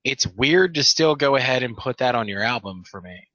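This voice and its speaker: A man's voice: mid-range voice, expressive, normal speed, bright, forceful tone, no echo. A man co-hosting a casual album review podcast, agreeable and steering the talk with questions. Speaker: podcast co-host. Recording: dry, dull lo-fi mic.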